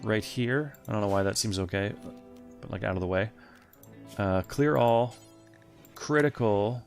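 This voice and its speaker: Man, gravelly voice, casual gameplay commentary, thinking aloud, faint game music behind. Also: fairly low pitch, unhurried. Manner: thinks aloud, chatty, addresses game characters. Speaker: let's play host.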